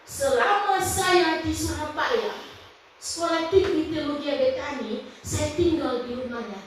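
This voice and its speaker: A woman pastor with a Manado accent preaching a sermon, emotional and testimony-driven, with sudden high emphatic rises. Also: unhurried, a little hiss or hum. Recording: very echoey hall, from far off.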